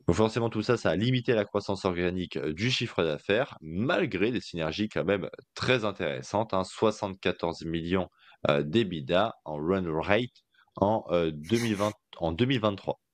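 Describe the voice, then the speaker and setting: Low-voiced male podcast co-host, chatty and slangy, dry close sound. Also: expressive, moderate pace, no echo. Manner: loose and colloquial, many fillers, jokey asides. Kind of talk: casual investing podcast chat.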